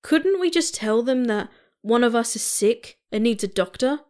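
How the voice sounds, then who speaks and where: A woman's voice: on the high side, expressive, moderate pace, a little mellow, natural voice. A woman voicing an eager, tipsy crewman. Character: slow-witted, tipsy young male crewman.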